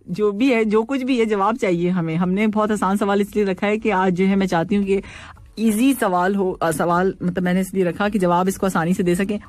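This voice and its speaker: A woman's voice: mid-range voice, darkish tone, no echo. A woman hosting a radio call-in show, reading listeners' messages and teasing them playfully, laughing often. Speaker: radio host.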